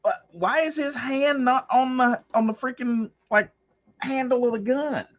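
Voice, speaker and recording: A man co-hosting a podcast in casual chat, telling stories in an animated, wry way. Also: extremely high pitch, unhurried, muffled recording. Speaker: podcast co-host.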